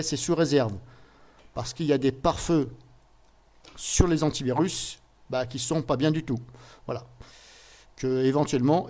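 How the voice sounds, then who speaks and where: A casual man with a slightly high voice talks through a screen-recorded software demo as a tutorial presenter. He thinks aloud, hesitates and restarts, filling pauses with "voilà" and "hop".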